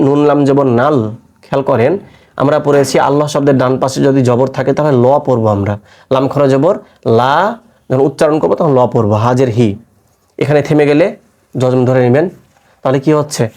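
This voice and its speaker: A man teaching Quran recitation, spelling out letters and marks and then chanting each joined word in a long, drawn-out tone. He asks his listeners questions and answers them himself. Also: mid-range voice, a little mellow. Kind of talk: step-by-step recitation lesson.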